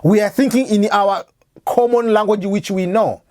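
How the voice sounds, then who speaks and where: Speaking at normal speed in a medium-pitched, darkish voice, an English test-prep teacher from East Africa gives an informal lecture. A native Swahili speaker with an East African accent, she keeps restating points with examples, and the recording is dry and studio quality.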